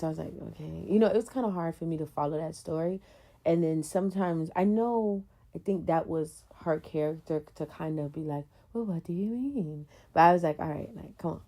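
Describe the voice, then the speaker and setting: Femme à la voix grave et sombre. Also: female voice, low-pitched. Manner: animated, acts out scenes in raised voices, frequent mm-hmms. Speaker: podcast panelist. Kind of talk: casual film discussion.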